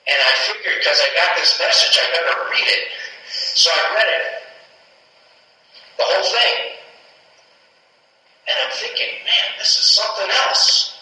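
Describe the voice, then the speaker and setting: An eager, grinning hulk of a prison inmate, as a man puts him on, rushing through his story with excitement. The voice is bright and piercing. It sounds far from the mic in a very echoey room. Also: sits high, pitched above the performer's own voice, exaggerated voice. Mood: excited.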